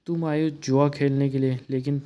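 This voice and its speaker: A man reading a comic book aloud, covering the narration and every character himself. His delivery stays flat and even, with a dark, mellow tone, and he barely changes his voice from one character to the next. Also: medium pitch, moderate pace.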